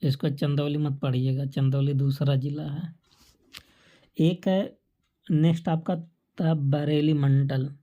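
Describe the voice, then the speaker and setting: A woman's voice: sits low, fairly even intonation, slow pace, pauses often, warm tone. A woman teaching exam facts as a quiz-style lecture, asking questions and answering them herself. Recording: dull lo-fi recording.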